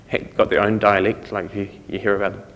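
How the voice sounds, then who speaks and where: A man's voice: on the low side, flat delivery, fairly quick, a bit bright, big-room sound, a little hiss or hum. A man giving a conversational conference talk, explaining things step by step. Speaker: conference speaker.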